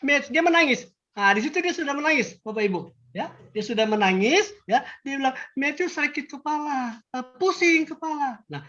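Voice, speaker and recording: An older man, a grandfather giving an emphatic, animated testimony to an audience. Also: high-pitched. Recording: dull lo-fi recording.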